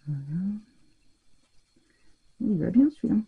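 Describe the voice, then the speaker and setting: Slow and gravelly, with a breathy edge and big pitch swings in a lowish range, a woman demonstrates scrapbooking at home over narrow, tinny audio. The tutorial is casual, chatty and hesitant, riddled with fillers and fumbled English product names.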